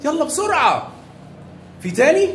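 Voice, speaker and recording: Egyptian male primary teacher, fairly high voice, coaxing and full of praise, echoey classroom with faint noise. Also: sing-song, normal speed, fairly bright tone. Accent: Egyptian Arabic. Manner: coaxing, showers children with praise and pet names. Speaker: primary school math teacher. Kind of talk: classroom teaching with young children.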